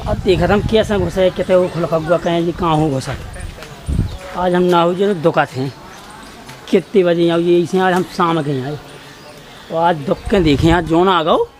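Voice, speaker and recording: A man with a Bundeli accent, loudly complaining in a rustic comedy skit. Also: high-pitched, normal speed.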